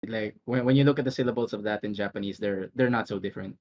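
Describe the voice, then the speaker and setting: A man's voice: on the low side, a little mellow. A man from the Philippines, a podcast guest chatting casually, joking and laughing often. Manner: laughing, joking, quick asides. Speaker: podcast guest, tournament organizer. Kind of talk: casual chat.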